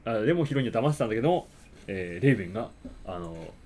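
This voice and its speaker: A man's voice: on the low side, expressive, rapid-fire, dark tone. A man in casual chat, animatedly retelling a movie's plot and acting out its lines. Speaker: podcast co-host.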